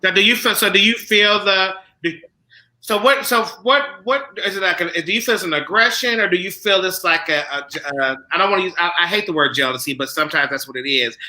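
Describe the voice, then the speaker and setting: A man with a high, very bright voice hosts a casual panel discussion. He talks in an animated way, restarting his sentences as he works his thoughts out. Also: fairly quick. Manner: animated, thinks aloud with restarts. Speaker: show host.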